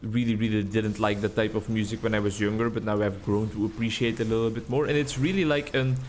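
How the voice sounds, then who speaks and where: A gaming YouTuber from the Netherlands, a native Dutch speaker, rambles through gameplay commentary in English on a desk mic, chatty and self-deprecating. His voice is on the low side, fast, and fairly even, with slight background noise.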